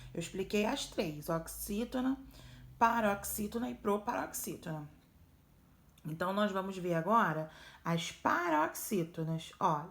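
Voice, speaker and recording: A woman schoolteacher with a Brazilian accent patiently walks young pupils through workbook exercises, checking in often. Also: mid-range voice. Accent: Brazilian Portuguese. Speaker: primary school teacher. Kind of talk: recorded remote lesson walkthrough.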